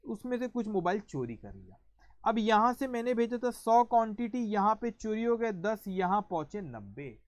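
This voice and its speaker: A male accounting teacher giving an online lecture in a lively storytelling manner, going through each point step by step and counting them off aloud. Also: high-pitched, dry recording. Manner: explains step by step, counting points aloud and calling students "beta"; lively storytelling, acting out an example.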